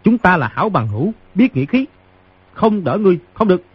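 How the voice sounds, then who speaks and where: A man's voice: high-pitched, very animated, a little fast, breathy edge, pitched above the performer's own voice, heavily acted. A man voicing a skinny, brave young boy who speaks up defiantly and earnestly in a storybook audio drama. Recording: dull lo-fi audiobook recording.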